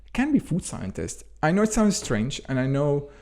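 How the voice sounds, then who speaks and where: Very animated at a normal speed, this Jordanian interview guest has a slightly high voice with a darkish tone. He founded a company and works as a food scientist, and his conversational answers ramble, full of "actually" and "sort of."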